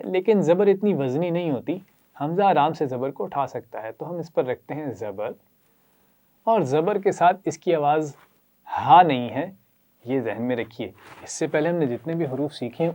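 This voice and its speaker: A man with a Pakistani Urdu accent leads a children's Quran reading lesson. He keeps up steady praise and has the class repeat letters after him. His voice is dark and mellow. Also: medium pitch. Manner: encouraging, praises often and leads repetition.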